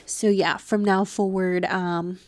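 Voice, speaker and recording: A woman in her twenties hosting a casual solo podcast, chatty and informal, speaking softly and close, right in the listener's ear. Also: medium pitch, flat delivery, slow pace, dry recording. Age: 20s. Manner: chatty, informal, filler-heavy. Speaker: podcast host.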